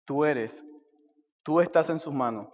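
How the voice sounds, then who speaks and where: A man preaching a sermon, swinging between loud and hushed. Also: on the high side, a little slow, long reverb tail, dull audio. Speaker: pastor. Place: church sanctuary.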